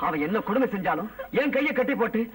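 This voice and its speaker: An actor playing an angry young man in a film, speaking fast and forcefully. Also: high voice, animated. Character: fiery young man confronting his brother. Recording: distant film dialogue with music.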